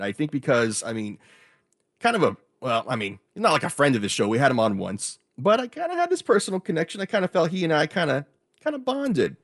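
A man's voice: lowish voice, no echo, studio quality. A man co-hosting a radio show with casual, opinionated sports chat, rephrasing his points for emphasis.

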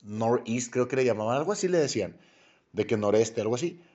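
A man's voice: mid-range voice, animated, brisk, a little mellow. Brief: man, 30s, plain-spoken and easygoing, dull lo-fi audio. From Chihuahua, Mexico. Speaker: call center trainer. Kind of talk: casual slangy chat.

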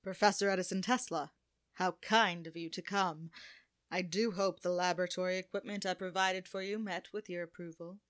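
A woman's voice: fairly low pitch, steady tone, normal speed, a bit bright, natural voice. A woman playing a cool scheming villain boss. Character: smooth scheming villain mastermind. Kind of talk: comic old-time radio play acting.

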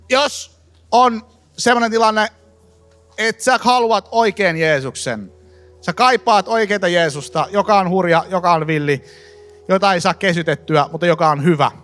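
A man giving a lively sermon to a congregation in a church hall, talking to them directly. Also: sits high, pauses often, faint music behind. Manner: lively, fillers and restarts, addresses congregation directly. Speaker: preacher. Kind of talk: live sermon teaching.

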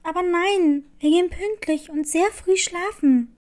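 A woman's voice: very high voice, measured pace, darkish tone. A woman voicing a young leopard girl, sleepy and easily upset, in a children's storybook tale. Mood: tired. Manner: tired, plaintive.

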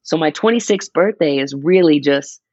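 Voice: medium pitch, moderate pace, darkish tone, husky, no echo, highs cut off. A person in their mid-twenties chatting casually on a podcast, rambling and restarting as they explain an idea. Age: 20s. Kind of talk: casual chat.

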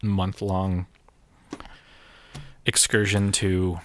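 A man's voice: sits low, little pitch movement, drawn-out words, slight background noise. A young man co-hosting a podcast in a casual, rambling chat, with frequent restarts and laughs. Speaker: podcast co-host.

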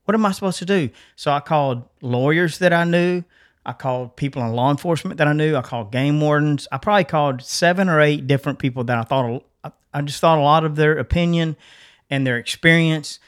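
A man's voice: fairly high pitch, brisk, clear, resonant tone. A middle-aged man co-hosting a podcast, telling a personal story in a casual, earnest way that rambles and restarts. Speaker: podcast co-host.

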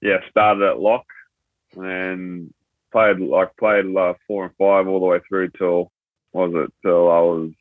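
A man's voice: deep voice, flat delivery, measured pace, no room sound. A man in his twenties with an Australian accent, a rugby player telling his story in a laid-back, rambling, slangy way. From born in Thailand, raised in rural New South Wales, Australia. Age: 20s. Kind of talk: casual interview chat. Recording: tinny phone-like line, dry.

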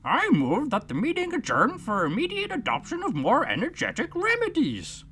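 A woman's voice: wildly swooping pitch, normal speed, fairly bright tone, slight background noise, exaggerated voice. A woman voicing a pompous, solemn bird who chairs a meeting in grave, formal words. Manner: grave, formal and high-flown.

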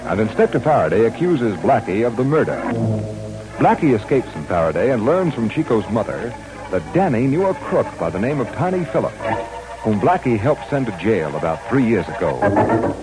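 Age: adult. Sex: man. Role: 1940s radio drama announcer. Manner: lively, scripted recap. Behind: music. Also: fairly low pitch, normal speed, low-quality recording. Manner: scripted recap read to open a radio episode.

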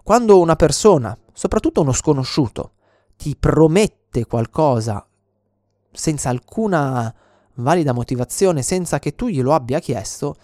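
A man's voice: on the high side, animated, moderate pace, warm tone, no echo. Earnest male instructor, explanatory delivery, close dry mic. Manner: earnest, frequent restarts and "ok?" check-ins. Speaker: self-defense instructor. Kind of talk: explanatory spoken lesson.

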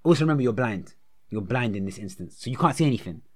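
Young London roadman, slangy and animated. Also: mid-range voice, fast, husky. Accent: London, urban roadman slang style. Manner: slangy, repeatedly tagging phrases with "innit" and "yeah". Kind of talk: animated casual chat.

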